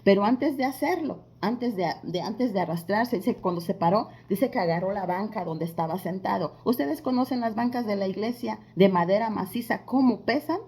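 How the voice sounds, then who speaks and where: A woman's voice: medium pitch, darkish tone. Chatty woman teaching the Bible. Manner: conversational, rhetorical questions to listeners; frequent filler pauses. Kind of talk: devotional Bible lesson.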